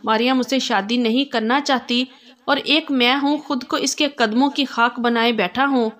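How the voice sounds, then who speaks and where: Woman voicing a gentle, pleading young man. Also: a little high, fairly even intonation, close to an everyday voice. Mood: sad pleading. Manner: soft and pleading.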